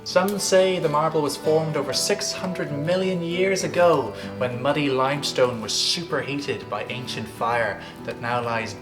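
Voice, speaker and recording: An Irish man telling a story in a lilting, theatrical way, as a scripted narration. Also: mid-range voice. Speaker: storyteller, host. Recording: roomy echo, music behind.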